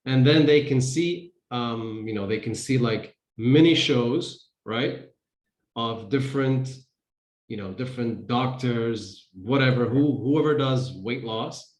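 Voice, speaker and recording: A man's voice: medium pitch, takes it slowly. Man in a roomy video call, thinking aloud. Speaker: host. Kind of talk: casual business interview.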